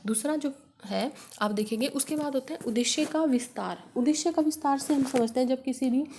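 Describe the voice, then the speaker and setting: A woman's voice: high voice, a little fast, dark tone, a little hiss or hum. A woman teacher explaining grammar step by step, working through examples and asking rhetorical questions. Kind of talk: Hindi grammar lesson.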